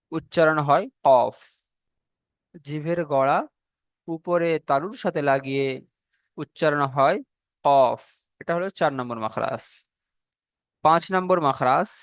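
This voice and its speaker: A man teaching a class on pronouncing Arabic letters, slow and repetitive, drawing out each letter sound and checking in with his students. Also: fairly high pitch, fairly bright tone, clean tone, dry recording. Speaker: Quran recitation teacher. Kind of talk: classroom lesson on letter pronunciation.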